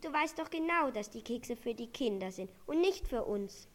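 A woman's voice: a little high, expressive, normal speed, lightly acted. A woman voicing a firm, sensible female reindeer in a storybook, scolding but fair.

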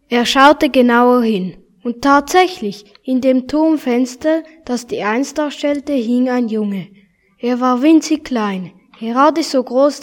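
Unhurried woman narrating a children's story. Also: a little high.

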